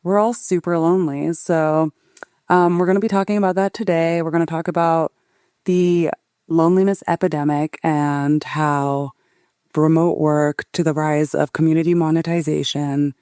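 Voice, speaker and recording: A woman co-hosting a podcast while hoarse from laryngitis, playful and upbeat in casual chat. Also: sits low, steady tone, moderate pace, warm tone, dry recording, clean studio sound. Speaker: podcast co-host. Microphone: remote from the studio.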